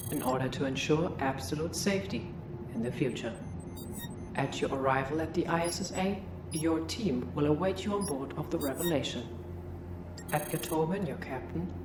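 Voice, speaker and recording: Low computer briefing voice. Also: female voice. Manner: formal, measured, official briefing delivery. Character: female computer voice delivering a mission briefing. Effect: computer system announcement voice. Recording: roomy echo with music underneath, game audio. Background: game soundtrack music.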